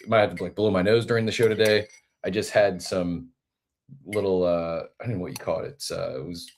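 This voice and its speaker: A man in his forties, congested with a head cold and sounding nasal, hosting a podcast in a rambling, friendly chat with many fillers. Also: deep voice. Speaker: podcast host. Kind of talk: casual live audio show chat.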